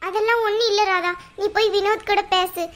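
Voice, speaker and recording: A woman's voice: very high-pitched, fairly even intonation, a little fast, a bit bright. A woman voicing a kind young sister-in-law who reasons and reassures in a cartoon. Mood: reasoning. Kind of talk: cartoon voice acting.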